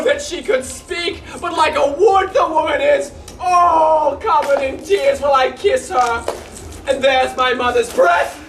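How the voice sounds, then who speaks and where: A man's voice: very high voice, sharp tone, a little hiss or hum, heavily acted. A man playing a weepy, melodramatic comic servant in a live Shakespeare comedy, fumbling lines and cracking up. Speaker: stage actor. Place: theatre performance space. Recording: distant echoey stage recording.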